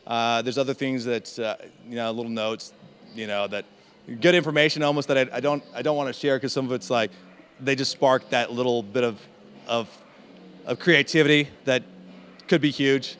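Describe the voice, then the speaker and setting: A man talking as an interview guest in a casual conference chat, with many fillers and halting restarts. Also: mid-range voice, steady tone, a bit bright, a little hiss or hum. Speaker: interview guest, in-house SEO specialist.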